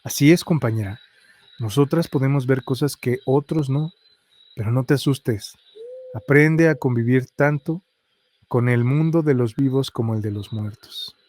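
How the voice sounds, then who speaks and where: A man reading the lines of a calm, serious woman station supervisor who sees ghosts. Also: mid-range voice, normal speed, natural voice. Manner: serious, steady.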